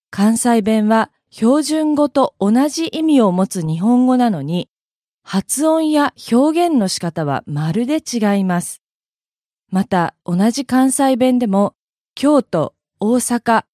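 A young woman from Kobe reading a polite, measured self-introduction for her audio blog. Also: on the high side, mellow, no echo, clean studio sound. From Kobe, Japan. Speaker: audio blogger.

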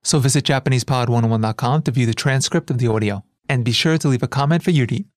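A man's voice: medium pitch, moderate pace, no echo, clean studio sound. A man reading a scripted podcast announcement in a plain, informative way. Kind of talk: scripted promo read.

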